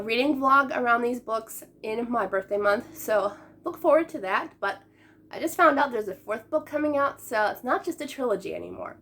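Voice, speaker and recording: Upbeat, hoarse young woman vlogger. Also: on the high side, fairly bright tone. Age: late 20s. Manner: chatty, upbeat, laughs often. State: sick, voice going. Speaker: book vlogger. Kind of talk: casual chat to camera.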